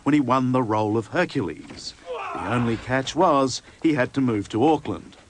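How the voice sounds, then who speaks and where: A man's voice: medium pitch, animated, moderate pace. Man narrating a TV report. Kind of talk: scripted documentary narration. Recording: noisy broadcast recording.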